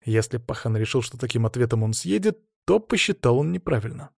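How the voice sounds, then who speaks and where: A man narrating a story in the first person with an even, ironic tone. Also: mid-range voice, fairly quick, vocal fry, breathy edge, dry recording, clean studio sound. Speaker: audiobook narrator.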